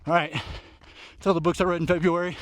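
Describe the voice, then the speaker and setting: A man with a slightly high voice gives a casual book recap while running. He is winded and speaks in short, breathy phrases. The sound is very dry, with no echo around the voice. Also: little pitch movement, a little fast, fairly bright tone. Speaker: book reviewer vlogger. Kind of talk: casual book recap vlog recorded on a run. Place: outdoors at night.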